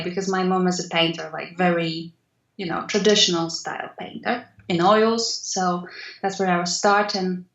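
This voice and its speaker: A woman's voice: on the low side, reverberant, highs cut off. A woman from Poland, a guest artist, talking thoughtfully in a casual interview and laughing easily.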